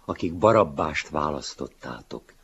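A man voicing a gentle, soft-spoken master. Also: extremely low pitch, expressive, a little hiss or hum, full character voice. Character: gentle, calm male teacher figure, a mild master. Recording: dull lo-fi recording.

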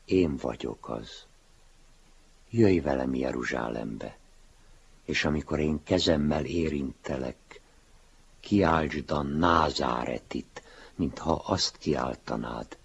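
A man voicing a gentle, soft-spoken master. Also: rumbling low, animated, a little hiss or hum. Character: gentle, calm male teacher figure, a mild master. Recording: dull lo-fi recording.

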